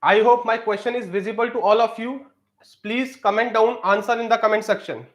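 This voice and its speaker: A man leads a live-streamed exam prep lesson in a high-pitched, fairly quick voice with fairly even intonation. He relies heavily on fillers like "you know" and repeatedly begs viewers to post their answers in the comments.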